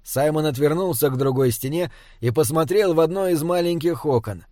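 A man's voice: a little high, a little fast, darkish tone, no echo, studio quality. Man reading a fantasy audiobook. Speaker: audiobook narrator. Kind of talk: scripted narration.

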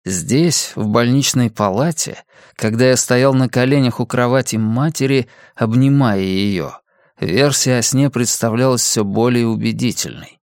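In studio-quality audio without any room sound, a man reads from a novel as an audiobook narrator. His medium-pitched delivery of the scripted text is calm, measured and story-like.

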